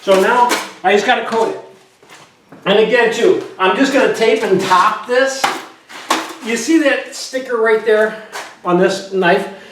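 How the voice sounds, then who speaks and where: Joking drywall pro in an echoey garage. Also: male voice, high-pitched, unhurried. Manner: joking, rambling storyteller. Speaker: drywall finisher and show host. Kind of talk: casual how-to demonstration. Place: garage under repair. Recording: echoey garage, distant mic, noisy.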